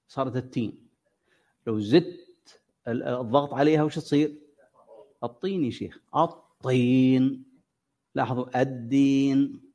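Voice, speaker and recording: A man's voice: mid-range voice, dark tone, slightly rough. A man teaching Quran recitation, patiently drawing out sounds as examples and quizzing his students. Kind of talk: classroom lesson on tajweed. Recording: dull lo-fi recording.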